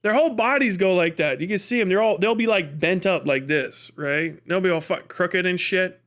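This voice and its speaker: An American man with a notably high, slightly bright voice talks at normal speed like a livestream host reacting off the cuff. His casual commentary is crude, mocking and full of swearing, and it wanders as he goes.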